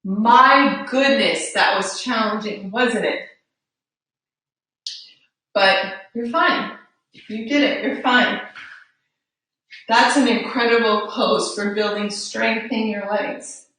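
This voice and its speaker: A woman teaching a live yoga class, calmly guiding breaths and poses with encouragement, a little out of breath. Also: a little high, slow pace, pauses often. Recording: roomy echo, distant mic.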